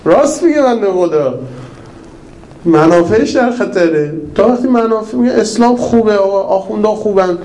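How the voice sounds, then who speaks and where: A man's voice: sits high, expressive, warm tone. A male preacher giving a conversational, humorous sermon with acted asides. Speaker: cleric preacher. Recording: echoey room with faint ambience.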